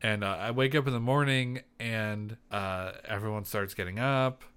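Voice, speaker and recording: A man's voice: lowish voice, moderate pace, fairly bright tone, clear, resonant tone. Rambling male podcast co-host. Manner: rambling, lots of fillers and restarts, laughs often. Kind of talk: casual chat.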